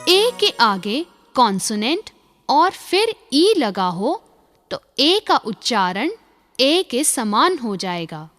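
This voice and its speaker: A woman narrates a phonics lesson, spelling out each sound with unhurried, deliberate care. Her pitch sits fairly high and moves about a lot, and she speaks very slowly. A long reverb trails behind her voice. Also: sing-song, fairly bright tone. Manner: slow, deliberate, measured. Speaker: phonics teacher. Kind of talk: slow scripted lesson narration.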